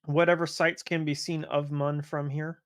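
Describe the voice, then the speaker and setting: A man taking part in a tabletop role-playing game, speaking politely and in a measured way, partly in character. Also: fairly high pitch, flat delivery, no room sound, clean studio sound. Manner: polite, measured, some fillers. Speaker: player.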